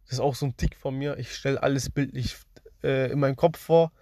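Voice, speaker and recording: A man's voice: mid-range voice, fairly even intonation, a little fast, mellow, dry recording. A young man casually tells his dreams to his viewers, rambling in slang and often addressing them directly, close to the mic. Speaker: streamer.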